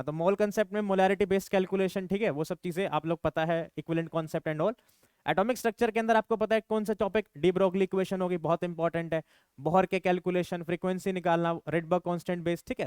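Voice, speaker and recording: A man's voice: high-pitched, clean tone, no room sound, studio quality. A man teaching chemistry, talking directly to his students about which topics to focus on. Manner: brisk, addresses students directly. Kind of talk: exam analysis lesson.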